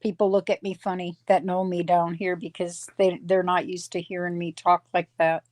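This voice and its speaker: A woman's voice: fairly low pitch, level tone, normal speed, a little mellow, no room sound. Chatty woman in her sixties. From Wisconsin. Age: 60s. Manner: chatty, rambling, self-correcting. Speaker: livestream crafter. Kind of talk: casual chat. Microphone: live stream.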